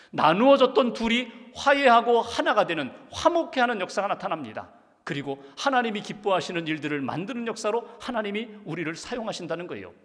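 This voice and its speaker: A man's voice: high-pitched, a bit bright. A man preaching a sermon as pastor, pressing his point with repeated rhetorical questions. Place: church sanctuary. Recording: long reverb of a church sanctuary.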